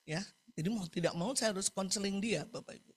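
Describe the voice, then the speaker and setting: A woman's voice: mid-range voice, a little fast, breathy edge. A woman preaching a sermon over a video call, emphatic, repeating key phrases and asking the congregation for agreement.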